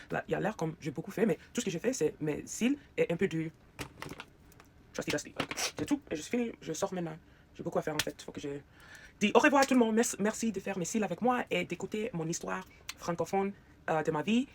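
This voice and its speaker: A vlogger with an American accent and English as a first language, chatting casually in a get-ready-with-me video, halting and slipping English fillers into their talk. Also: mid-range voice, a little hiss or hum.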